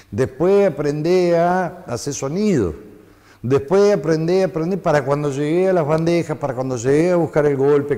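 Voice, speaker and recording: Reminiscing Argentine man, mellow voice. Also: medium pitch, long reverb tail. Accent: Argentine Spanish. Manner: reminiscing, rambling with frequent fillers. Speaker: interview guest, former DJ. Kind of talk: conversational interview.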